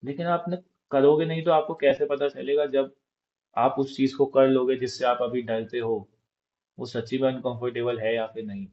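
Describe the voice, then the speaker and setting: A man's voice: medium pitch, flat delivery, moderate pace, highs cut off. A man giving an informal motivational talk, coaching his listeners and checking in with them as he goes. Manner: informal, coaching, asks "ठीक है?" often. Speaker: motivational speaker.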